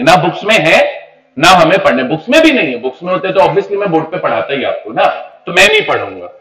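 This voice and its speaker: A man's voice: high-pitched, a bit bright. A man teaching law in a classroom lecture, playful and chatty, calling his students "beta" and repeating phrases for emphasis. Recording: echoey room, voice picked up from a distance.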